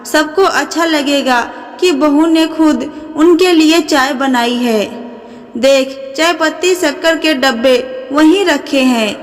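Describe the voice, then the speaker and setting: Woman voicing a patronizing mother-in-law, high and slow. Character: controlling mother-in-law, falsely sweet. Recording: long reverb.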